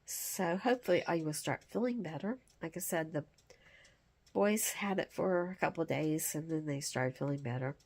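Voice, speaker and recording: A woman's voice: low-pitched, normal speed, a little mellow. A middle-aged woman with a cold and a nasal, stuffy voice, explaining things casually and a bit tiredly to her camera at home. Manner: rambling, plainspoken, tired. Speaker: vlogger. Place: at home indoors.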